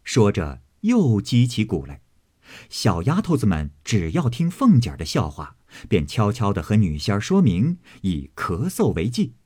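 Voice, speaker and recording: A man narrating a classic novel as an audiobook, in a measured, expressive storytelling manner. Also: fairly low pitch, husky, no echo, clean studio sound.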